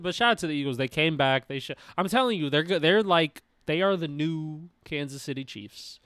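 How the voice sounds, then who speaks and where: Smooth, dry-voiced sports talk man. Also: fairly high pitch, a bit bright, no echo. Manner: laughing, playful banter. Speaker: sports podcast co-host.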